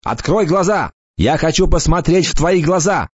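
A man's voice: a little high, expressive, moderate pace, breathy edge, no room sound, pitched above the performer's own voice. Fierce frightened girl with a knife, as a man puts her on. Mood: furious shouting. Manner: hissing, threatening, shouting. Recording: dull dry studio recording.

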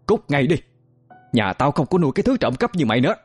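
A man voicing a cruel middle-aged peasant aunt who screeches and hurls rapid-fire abuse. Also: on the high side, big pitch swings, a little mellow, slightly rough, faint music behind, voice pushed up. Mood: spiteful.

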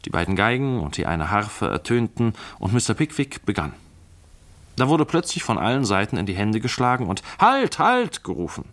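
A male narrator with a fairly low voice reads a classic novel aloud. His delivery is measured and clear. The tone is that of a traditional radio reading. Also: animated. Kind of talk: scripted literary reading.

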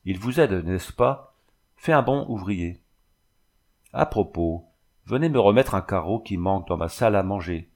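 A man voicing a kindly, gently firm village priest who coaxes and scolds like a father, in a storybook reading. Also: low voice, lively intonation, measured pace, full character voice. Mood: persuading. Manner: coaxing, paternal scolding.

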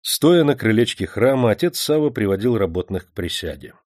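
Dry, measured male audiobook narrator. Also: fairly low pitch, animated, darkish tone, dry recording. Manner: measured, dramatic storytelling. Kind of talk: scripted narration.

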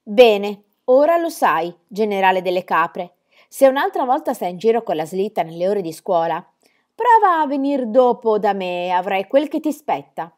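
A woman's voice: a little high, expressive, normal speed, a little mellow. A woman voicing a stern old grandfather. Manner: scolding, emphatic. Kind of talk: audiobook reading.

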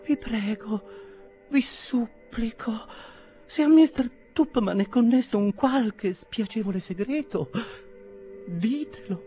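Weepy spinster aunt, high falsetto, querulous, pleading, audiobook. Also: male voice, expressive, slow pace, mellow, faint music behind, exaggerated voice. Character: tearful, querulous unmarried middle-aged aunt. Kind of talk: audiobook character reading.

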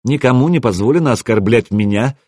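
Audiobook: a man putting on a cool, matter-of-fact warrior, slightly raised, husky. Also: mid-range voice, a little fast, a little mellow, dry recording, studio quality, lightly acted. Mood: calm. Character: calm cool-headed male warrior.

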